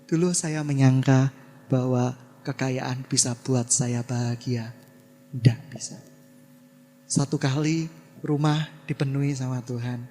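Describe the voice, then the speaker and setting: A man's voice: mid-range voice, slight background noise. Preaching man with a lilt. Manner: swings between loud exclamations and quiet asides. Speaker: pastor. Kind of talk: sermon. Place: church hall. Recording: long church-hall reverb.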